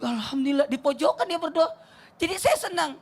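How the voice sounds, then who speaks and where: A man, a cleric, giving a lively, joking answer on a religious talk show, often restarting his words. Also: extremely high pitch, normal speed.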